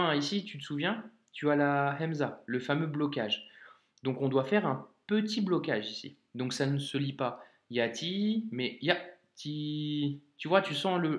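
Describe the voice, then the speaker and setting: A man teaching Arabic reading in a video lesson, patient and repetitive, often checking the viewer follows. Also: fairly high pitch. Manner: patient, repeats words slowly, frequent check-ins.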